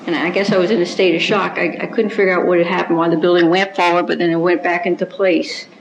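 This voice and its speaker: A woman giving an oral history interview, recounting events in a measured, reflective way with small restarts. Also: fairly low pitch, level tone, a little hiss or hum. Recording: roomy, dull-sounding recording.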